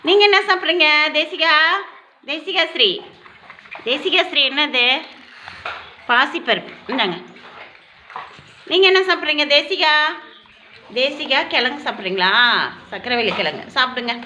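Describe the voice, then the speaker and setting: A woman teaching small children in a classroom, asking each child by name and repeating their answers in a gentle, coaxing sing-song. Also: sits high, lively intonation, moderate pace, long pauses, muffled recording, a little hiss or hum. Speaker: preschool teacher.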